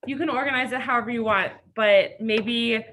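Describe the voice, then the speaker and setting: A woman's voice: a little high, moderate pace, a bit bright, a little hiss or hum. A young woman teaching a classroom lesson, talking casually with lots of fillers in an upbeat way. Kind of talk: classroom instruction.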